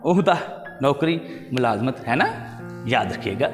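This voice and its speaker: A man's voice: medium pitch, lively intonation, a little slow, big-room sound, faint music behind. A man teaching pronunciation, patiently correcting words, spelling out vowel marks and calling his viewers "children". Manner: addresses viewers fondly as children. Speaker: language teacher. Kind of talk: pronunciation lesson.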